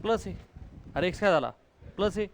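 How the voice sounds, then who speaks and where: A physics teacher with a high voice, a Marathi accent and lively intonation fires rapid questions at his students. He keeps pressing them to answer quickly and calls them "beta," while faint traffic hums in the background.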